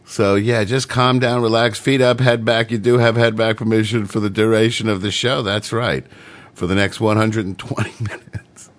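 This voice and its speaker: A man hosting a comedic internet radio show, talking in a playful, rambling, mock-grandiose way. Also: on the low side.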